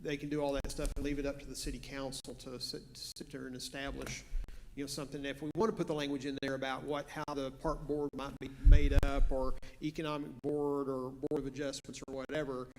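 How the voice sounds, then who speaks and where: A man on a charter commission, explaining his view and thinking aloud in a public meeting discussion. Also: mid-range voice. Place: large council chamber. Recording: echoey meeting room.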